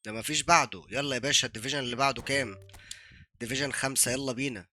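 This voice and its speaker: A young Egyptian man with an Egyptian accent, live-streaming a football game and giving excited commentary while he taunts his opponent. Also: mid-range voice, racing. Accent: Egyptian Arabic. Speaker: gaming streamer.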